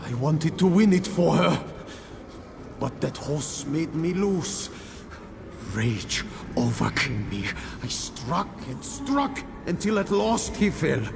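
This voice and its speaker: A man voicing a tormented, remorseful ghost of a squire in a video game, pleading and halting with a gravelly voice. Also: a little high, sing-song, heavily acted. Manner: anguished, halting, pleading delivery. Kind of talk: dramatic video game voice acting. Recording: long ghostly reverb, noisy ambience.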